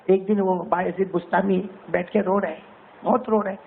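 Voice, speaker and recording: A man's voice: sits high, fairly even intonation, vocal fry, slight background noise. A man preaching a sermon to women, telling a story dramatically and rising to cries when quoting. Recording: tinny phone-like sound.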